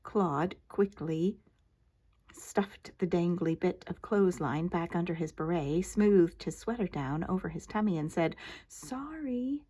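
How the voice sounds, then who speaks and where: Casting: older female storyteller, grandma manner, lowish pitch, expressive read-aloud of a children's book. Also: measured pace, breathy edge. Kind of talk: animated storybook narration.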